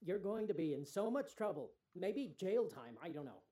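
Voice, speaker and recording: A man's voice: high-pitched, big pitch swings, normal speed, dark tone. Coldly polite male official. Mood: threatening. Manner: coldly threatening, falsely polite. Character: threatening male official at a door.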